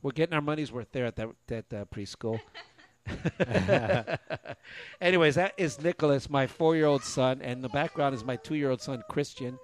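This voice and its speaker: A man's voice: medium pitch, moderate pace, a little hiss or hum. A middle-aged man co-hosting a casual talk show, chatting in an encouraging way. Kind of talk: casual chat.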